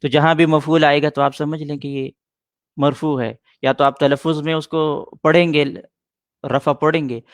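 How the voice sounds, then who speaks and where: A man's voice: fairly high pitch, level tone, dry recording. Patient man teaching grammar, dry sound. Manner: patient, repeats points and answers students' questions. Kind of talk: classroom grammar lesson.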